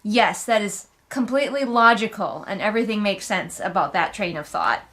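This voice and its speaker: A woman hosting a book readalong vlog delivers comedic, casual commentary that's sarcastic, emphatic and exasperated, mocking the characters by acting them out in asides. Her medium-pitched voice is expressive and fairly bright, moving at a moderate pace.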